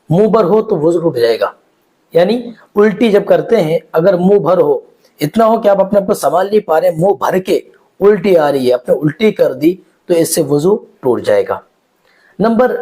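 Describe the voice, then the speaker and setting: A man's voice: high voice, dark tone. A man explaining religious rules point by point, restating each in plainer words and speaking straight to the viewer. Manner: explanatory, numbered points, addresses viewer directly; repeats each rule in simpler words. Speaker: Islamic teacher. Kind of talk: religious instruction video.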